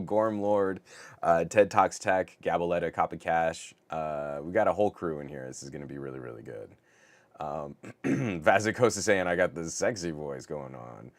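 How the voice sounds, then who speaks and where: A middle-aged man hosts a live tech chat show while sick, his voice scratchy and rough. He speaks in a deep, low register, bursting with over-the-top enthusiasm and tripping over quick restarts. The sound is close and dry, with no trace of room echo. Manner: over-the-top, excitable delivery with stammered restarts. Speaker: host of a live tech podcast. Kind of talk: casual live-stream chat.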